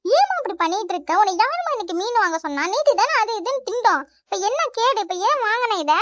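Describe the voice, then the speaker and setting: A woman voicing a loud, rude, hot-tempered teenage daughter in a cartoon, with a Tamil accent. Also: very high-pitched, brisk, no room sound, muffled recording. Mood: angry. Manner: yelling, rude.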